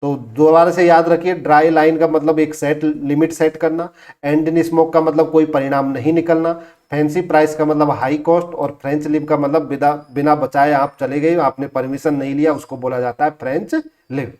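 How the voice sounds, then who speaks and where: A male teacher giving an exam-prep lesson who asks questions and answers them himself, slowing down to spell out English phrases. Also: fairly high pitch, flat delivery, a little mellow. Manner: asks the class and answers himself, repeats key terms.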